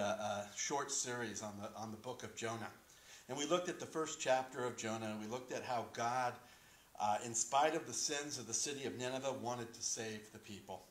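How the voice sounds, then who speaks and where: A middle-aged man preaching a sermon from a church podium, relaxed and joking, with frequent "uh" fillers. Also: mid-range voice. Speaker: pastor. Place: small wood-paneled church sanctuary, indoors. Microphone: podium microphone. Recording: roomy church echo.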